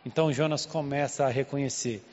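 A man preaching a sermon, retelling a story with animated asides, in a church hall. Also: medium pitch, brisk. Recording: long reverb, dull lo-fi sound.

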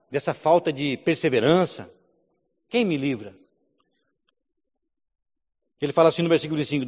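A male pastor with a high, slightly mellow voice preaches with rising emphasis, building to emphatic declarations and calling out for amens. The sound is dull, with long reverb from the hall.

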